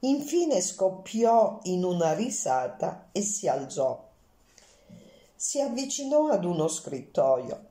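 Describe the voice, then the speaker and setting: A woman reading an audiobook aloud in a calm, measured way. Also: on the low side, reverberant. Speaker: audiobook reader. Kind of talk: audiobook narration.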